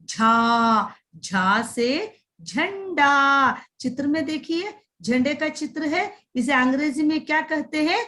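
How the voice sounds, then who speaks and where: Woman, children's teacher, slow drawn-out sing-song delivery, a bit high-pitched. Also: fairly bright tone. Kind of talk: children's lesson voice-over.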